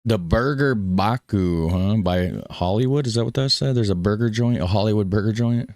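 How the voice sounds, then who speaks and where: A man's voice: lowish voice, moderate pace, darkish tone, no echo, clean studio sound. An American man giving casual, folksy reaction commentary on a video, often repeating himself. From United States.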